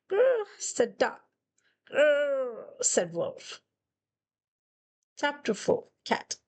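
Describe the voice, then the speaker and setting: Slow, lively woman reading a storybook aloud. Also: husky. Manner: slow storytelling, voices quoted lines higher. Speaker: narrator reading a picture book aloud. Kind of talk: children's read-aloud.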